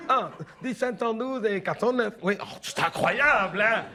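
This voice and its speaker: A man's voice: high voice, unhurried, sharp tone, full character voice. A man performing a chatty, gossiping middle-aged mother with a Belgian French accent, in a rambling stand-up monologue. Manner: rambling, gossipy, confiding, full of "hein" and "écoute bien". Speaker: stand-up comedian in character.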